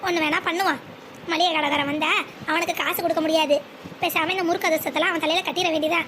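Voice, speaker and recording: A woman's voice: very high-pitched, steady tone, fast talker, fairly bright tone, a little hiss or hum. A woman voicing a spiteful, scheming old grandmother in a cartoon, scornful and scolding.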